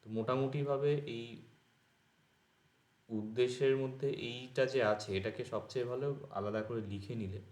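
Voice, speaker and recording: A man teaching an exam-prep grammar lesson, explaining slowly as he writes on a page. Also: mid-range voice, steady tone, a little mellow. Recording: echoey room.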